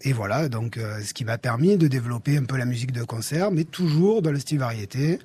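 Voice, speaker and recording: A man, an accordionist guest in a live radio interview, talking haltingly with many fillers. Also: mid-range voice, animated, mellow, breathy edge.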